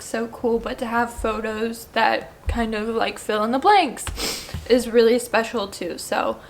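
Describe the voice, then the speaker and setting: A young woman in her twenties talks straight to camera in a casual vlog, her voice a little high with a gravelly fry at the ends of phrases. She is tearful and sniffly, gushing with excitement and breaking off to collect herself. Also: a little hiss or hum. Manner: emotional, teary and gushing. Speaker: vlogger. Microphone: camera mic with ring light.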